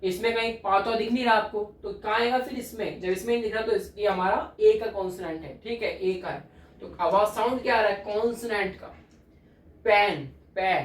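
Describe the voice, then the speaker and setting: A male grammar teacher explains slowly and patiently while writing on a board, repeating his points and checking that the class follows. He is recorded from across an echoey room, so his voice sounds distant and roomy. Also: sits high, fairly bright tone.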